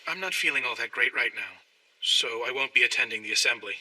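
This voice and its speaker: A man's voice: mid-range voice, expressive, fast talker, pushed and bright, no echo, distant mic, rough recording. An actor playing a reserved, loyal male instructor who speaks formally in an anime English dub. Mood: subdued. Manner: formal, subdued.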